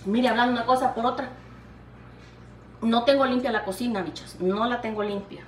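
An older woman vlogger chats affectionately to camera while cooking in her home kitchen, upbeat and laughing often, calling viewers "niña" and "hija linda." Her voice is a little high with fairly even intonation and a moderate pace. The room is echoey, the mic is at some distance, and there's a little hiss or hum.

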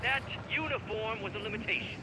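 A man's voice: sits high, animated, a little fast, background noise. An actor playing a cocky, ruthless mercenary commander who taunts his enemies in a drawl and mixes in Spanish, heard as video game dialogue. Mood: menacing. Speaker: villain. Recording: game audio under loud gunfire.

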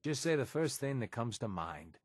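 An actor playing a dry male test proctor who reads out questions flatly. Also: medium pitch, measured pace, slightly rough. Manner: flat, matter-of-fact questioning.

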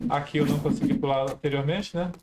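Man, let's-play streamer, chatty and excitable, slightly high voice, faint noise behind. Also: fast. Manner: chatty, talks to viewers, many exclamations. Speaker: gameplay streamer. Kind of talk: casual let's-play commentary.

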